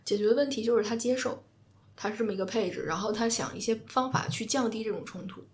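A woman, co-hosting a casual podcast chat. She explains in a calm, steady voice, like a counselor walking through a case. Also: fairly high pitch, fast talker. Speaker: astrology co-host and counselor.

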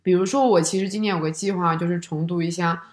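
Woman, podcast co-host, lower voice, reflective chatty delivery, echoey room at home. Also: fairly even intonation, fast talker. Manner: reflective, thinks aloud with many fillers. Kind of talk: casual chat. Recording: roomy home recording.

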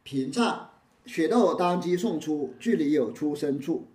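A man's voice: on the high side, animated, darkish tone. Man lecturing on a Zen text, roomy echo. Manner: recites classical lines slowly, then explains them plainly. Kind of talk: line-by-line lecture on a Zen classic.

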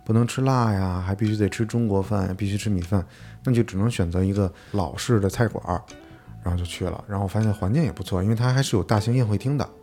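A man co-hosts a podcast in a deep, mellow, gravelly voice. He tells a long story in casual chat and acts out the quarrel with heat. Faint music plays under the talk. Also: quick pace. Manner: animated storytelling, acting out an argument with restaurant staff. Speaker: podcast co-host.

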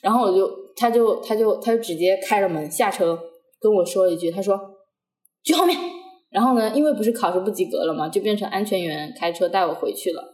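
Young woman, podcast co-host, lively storyteller who laughs easily and does the voices; mid pitch; echoey room sound. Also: fast talker. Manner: animated, laughing often, acts out quotes. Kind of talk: casual storytelling chat.

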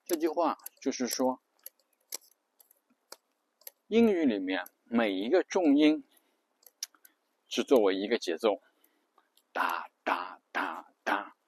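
A man's voice: mid-range voice, very animated, a little mellow. Patient male teacher drilling phrases. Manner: patient, explanatory, repeats example phrases slowly; drills English phrases aloud. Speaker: English teacher and podcast host. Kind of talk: spoken lesson on English rhythm.

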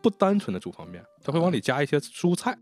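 A man's voice: a little high, very animated, fast, soft background music. A man from Northeast China talking as a podcast host, telling personal stories in a chatty way and repeating words for emphasis. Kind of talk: casual chat, personal storytelling.

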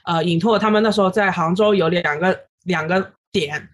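A woman in her thirties, a guest illustrator on a podcast, recounting her story in an animated way with many fillers and English words dropped in. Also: lowish voice, normal speed. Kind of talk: casual podcast interview.

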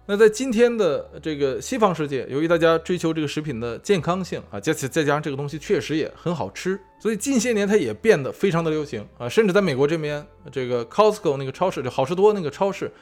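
A man's voice: on the high side, very animated, fast talker, hardly any pauses, soft background music. A man hosting a food show, explaining in a chatty way with many fillers and asides. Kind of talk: casual explainer monologue. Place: lives in California.

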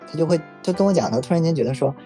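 A man casually telling a personal story in a relaxed, frank, reflective way. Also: a little high, rapid-fire, vocal fry, faint music behind. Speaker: story guest.

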